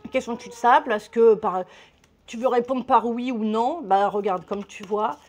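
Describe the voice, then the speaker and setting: A woman's voice: on the high side, moderate pace, a little mellow. A woman with a French accent chatting casually to camera as a vlogger, rambling and swearing lightly, a little out of breath.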